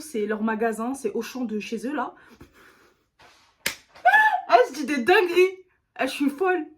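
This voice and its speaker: A woman YouTuber telling a storytime to her viewers in a chatty, slangy way, speaking straight to the camera. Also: on the high side. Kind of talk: casual storytime vlog.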